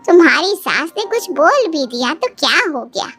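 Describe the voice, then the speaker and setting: A woman voicing a gentle mother calmly advising her married daughter. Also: high voice, moderate pace, faint music behind. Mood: soothing. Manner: soothing, advising.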